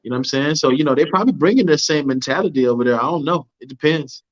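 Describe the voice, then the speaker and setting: A man's voice: a little high, rapid-fire, lo-fi sound. Laid-back man hosting a livestream. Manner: laid-back, keeps asking "you know what I'm saying". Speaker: livestream host. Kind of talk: casual livestream talk, reading viewer comments.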